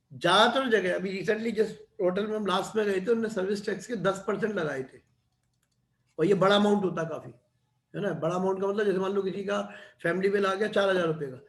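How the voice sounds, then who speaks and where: A man's voice: high-pitched, reverberant. A middle-aged man teaching a class in a chatty, conversational way, often checking in with his students. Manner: chatty, keeps adding "है ना". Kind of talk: classroom lecture.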